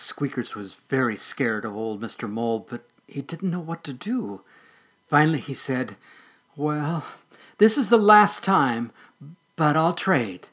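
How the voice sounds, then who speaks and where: A man reading a children's story aloud as a storyteller, gentle and expressive, slowing and softening for sad parts. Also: mid-range voice, breathy edge.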